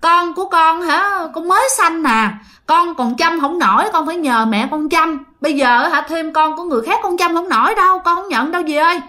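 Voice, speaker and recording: A woman voicing a frightened young new mother who pleads in a high, strained voice. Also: brisk, sharp tone. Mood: pleading.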